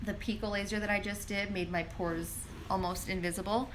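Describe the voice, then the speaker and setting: A woman pharmacist answers viewer questions on a casual live stream, filmed on a phone she holds in her hand. Her mid-range voice moves a little fast with fairly even intonation, and she chats away, reading the questions aloud and saying "like" a lot. There's slight background noise.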